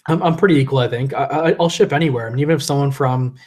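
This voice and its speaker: A man's voice: medium pitch, rapid-fire, darkish tone. Rambling, hesitant man on a live stream. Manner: rambling, hesitant, with many restarts. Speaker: vlogger hosting a live stream. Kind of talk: casual live-stream chat.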